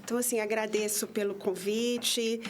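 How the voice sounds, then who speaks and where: In a conversational podcast interview, a prosecutor in her fifties from the interior of São Paulo state, Brazil, tells her story hesitantly, restarting often. Her mid-range voice stays level at a moderate pace, with slight background noise.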